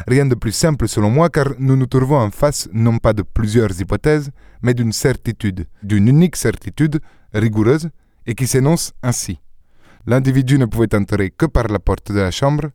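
A man voicing a calm, self-assured gentleman sleuth. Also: medium pitch, normal speed, dry recording, clean studio sound, close to an everyday voice. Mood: lecturing. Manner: calm, assured, slightly lecturing.

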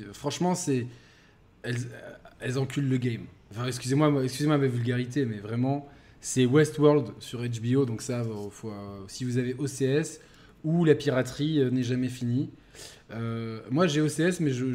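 A man co-hosts a podcast, talking with slangy enthusiasm and bursts of laughter. His voice sits at an average pitch for a man. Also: darkish tone. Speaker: podcast co-host. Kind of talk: casual chat.

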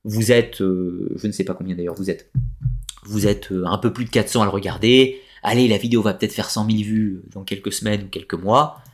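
A man's voice: fairly low pitch, fairly quick. Hesitant French-speaking man explaining on a live stream. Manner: digressive explainer with frequent hesitations. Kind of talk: live-stream talk answering chat comments.

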